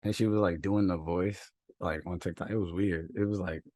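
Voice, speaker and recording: A young man co-hosts a casual podcast, talking in an animated, emphatic and slangy way and laughing often. His voice sits low and sounds dry and close to his own mic. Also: moderate pace, no echo. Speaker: podcast co-host. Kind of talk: casual chat. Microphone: own mic at home, phone nearby.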